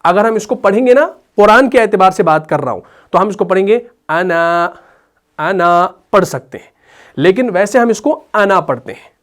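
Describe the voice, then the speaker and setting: A man's voice: high-pitched, lively intonation, moderate pace. A man with an Urdu accent teaching Quran reading rules in a patient explanatory lesson, often checking that his students understand. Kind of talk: explanatory lesson with slow chanted recitation.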